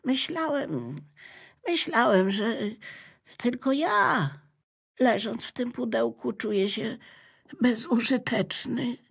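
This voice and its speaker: A woman's voice: on the high side, very animated, slow pace, breathy edge, voice pushed up, exaggerated voice. Woman playing a glum, sighing notebook. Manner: sighing and reluctant. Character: weary glum male school notebook.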